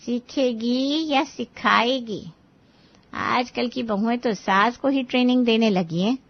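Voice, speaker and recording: A woman voicing a gossipy middle-aged neighbor who speaks sarcastically and slowly. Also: fairly high pitch, dull audio, voice pushed up. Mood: sarcastic.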